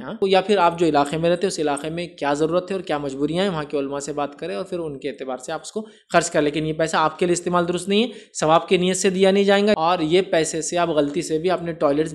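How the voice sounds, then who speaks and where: High-voiced man explaining religious rulings. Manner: explanatory, often checks understanding with "right?"; mixes English words into Urdu. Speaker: Islamic speaker answering viewers' questions. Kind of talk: religious Q&A lecture.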